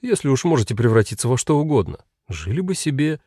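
A man's voice: mid-range voice, very animated, quick pace, dark tone, husky, dry recording, clean studio sound. A man voicing a bewildered, anxious mother who talks in a flustered, exasperated way. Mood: puzzled.

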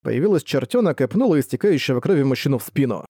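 A man narrating a first-person novel as an audiobook reader, steady and even. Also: mid-range voice, quick pace, breathy edge, no echo, studio quality.

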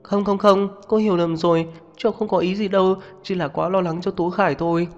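Man voicing a nervous young woman, high apologetic voice, muffled echoey audio. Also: fairly even intonation, quick pace, close to an everyday voice. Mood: pleading. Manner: pleading, apologetic. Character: timid anxious young woman, girlfriend. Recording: muffled reverberant audio, faint music.

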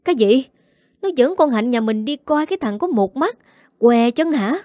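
A woman voicing a proud, domineering older mother who scolds in rapid, shrill tirades. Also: very animated, warm tone, no room sound, clean studio sound. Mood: furious scolding.

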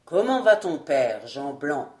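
A woman's voice: low-pitched, very animated, takes it slowly, darkish tone, voice pushed down, heavily acted. A woman voicing a stern old nobleman who grumbles and gives orders, in a roomy-sounding storybook reading. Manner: grumbling, severe. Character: stern old male nobleman, gruff and commanding.

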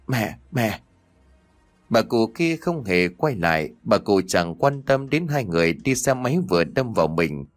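A man's voice: fairly low pitch, no room sound. A man narrating a ghost story and reading every character's lines in his own voice.

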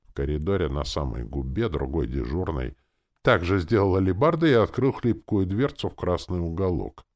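A man with a very low voice reads an audiobook aloud. His intonation moves freely up and down, and he tells the first-person story expressively. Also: lively intonation, normal speed, darkish tone. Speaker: audiobook narrator. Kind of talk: audiobook narration.

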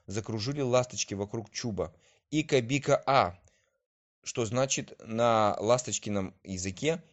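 A man narrating a children's story with an expressive, lively reading, on a dull lo-fi old recording. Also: medium pitch.

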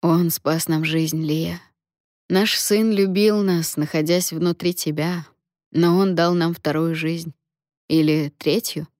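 A loving young husband, flustered and anxious, with a lowish voice. A woman narrator voices him without changing much. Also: fairly even intonation, takes it slowly, darkish tone, no room sound, studio quality. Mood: tender. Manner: anxious, tender.

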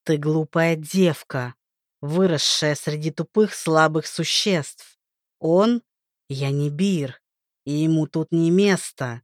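A woman's voice: deep voice, slow, no room sound, clean studio sound, voice pushed down. A woman voicing an arrogant, cruel male rain god who speaks with contempt and menace. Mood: contemptuous.

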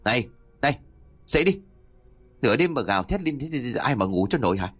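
A man's voice: mid-range voice, very animated, fairly quick, a bit bright, soft background music. A man voicing a domineering old husband who scolds his wife in a brusque manner. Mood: scolding.

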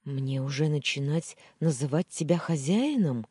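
A defiant captive young woman, read by a woman snaps back and pleads. The voice swings widely in pitch and sounds husky and warm, like an audiobook reading. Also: sing-song, slow pace, no echo, exaggerated voice. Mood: defiant, upset.

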